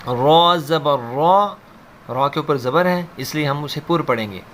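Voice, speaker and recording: A man teaching Quran reading, chanting letter and vowel syllables slowly and pausing to explain how each sound is said. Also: on the high side, animated, a bit bright, slight background noise. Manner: slow drilled syllable recitation with short explanations. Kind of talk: children's Quran reading lesson.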